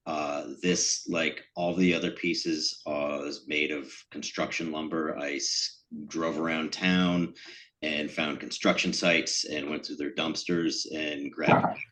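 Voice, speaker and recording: In an event room, a middle-aged man with a New England accent presents his sculptures, rambling casually with plenty of fillers and self-deprecating asides. His voice is very deep yet a bit bright.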